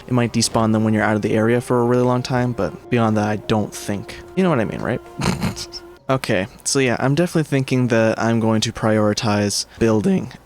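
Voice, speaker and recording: A man giving casual let's-play commentary as a gaming creator, rambling and correcting himself, swearing when things go wrong. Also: medium pitch. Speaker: gaming YouTuber.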